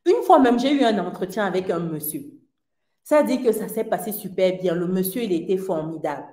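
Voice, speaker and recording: Woman, lively self-mocking storyteller, laughs often; roomy, echoey sound. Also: medium pitch, a little fast. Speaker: speaker addressing an audience. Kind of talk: personal storytelling to an audience.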